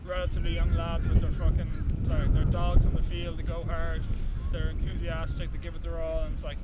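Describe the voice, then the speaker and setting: A man's voice: on the high side, completely flat delivery, fairly quick. A young man with a west of Ireland accent, chatting casually in an interview as an aspiring football kicker. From Galway, west coast of Ireland. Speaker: American football kicker prospect being interviewed. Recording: muffled outdoor mic, heavy wind noise. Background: loud outdoor wind and ambience.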